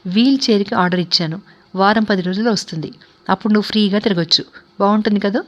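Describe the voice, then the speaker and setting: A woman's voice: mid-range voice, fast, muffled recording, close to an everyday voice. A woman voicing an earnest young husband and father, pleading and reassuring in a read-aloud story. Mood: cheerful. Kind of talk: audiobook character reading.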